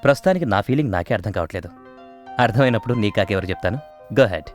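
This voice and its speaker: A man's voice: fairly low pitch, lively intonation, fast, soft background music, close to an everyday voice. An actor playing a cheerful company boss who announces a pay raise to his employee. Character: generous upbeat company boss.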